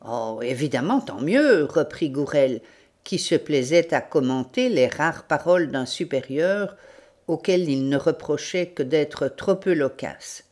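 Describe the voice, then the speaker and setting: A woman reading a novel aloud as narrator, in a measured, steady way. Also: low-pitched.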